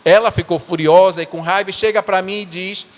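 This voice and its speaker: A man's voice: high voice, fairly even intonation, lightly acted. Man playing a rueful biblical strongman in a church monologue: earnest, stumbling repeats, reverberant sanctuary sound. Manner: earnest, halting storytelling with repeated words. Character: biblical strongman, remorseful, telling his own fall. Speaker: church performer. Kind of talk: first-person dramatic monologue in church. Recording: echoey church hall.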